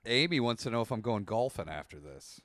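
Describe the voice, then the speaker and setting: A man's voice: on the low side, very animated, brisk, fairly bright tone, no echo. A man co-hosting a comedy podcast, swearing freely and laughing through loose, riffing chat. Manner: profane, riffing, laughing often. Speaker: podcast co-host. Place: small recording room.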